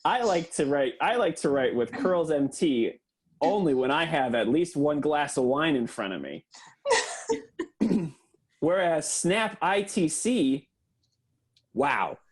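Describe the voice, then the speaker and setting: A man doing an earnest, deadpan mock lecture for a comedy podcast, with lots of hesitant fillers. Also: on the high side, a little slow, husky.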